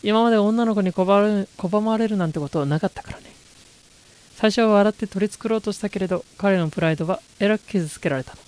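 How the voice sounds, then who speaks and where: A game streamer reads horror story text aloud in feminine storytelling style. The voice sits at a middle pitch between typical male and female ranges. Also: fast, a little mellow.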